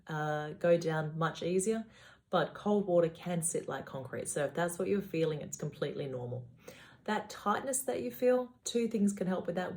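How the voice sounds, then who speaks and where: A woman's voice: on the low side, a little mellow. A woman speaking as a surgeon, giving patients instructional advice in a matter-of-fact, reassuring way.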